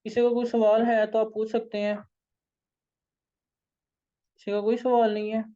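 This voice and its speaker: Hoarse Pakistani man, higher voice, mellow tone; tired sales coach on a dull lo-fi recording. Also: level tone, moderate pace. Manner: informal, coaxing, keeps saying "okay". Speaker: sales trainer and company founder. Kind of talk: online sales training session.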